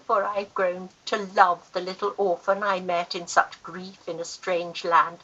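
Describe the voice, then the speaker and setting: In a lo-fi Victorian radio play, a woman plays a worldly, affectionate older aunt who is also a wealthy guardian, grand and fond with a wry, teasing edge. Her voice is lowish and bright, steady and a little slow, with a forceful tone.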